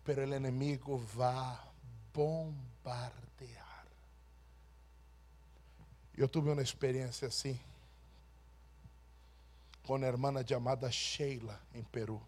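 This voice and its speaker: A man preaching a sermon as a pastor, slowly and emphatically, swinging from hushed storytelling to shouted proclamation. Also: mid-range voice, flat delivery.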